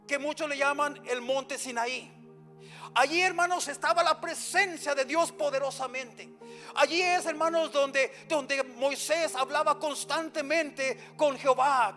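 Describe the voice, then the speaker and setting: A pastor with a very high voice preaches earnestly in a church, his words ringing with long hall reverb. Faint music plays softly behind him as he keeps turning to the congregation. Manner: earnest preaching, often adds "hermanos" and "¿verdad?". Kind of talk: sermon, Bible study.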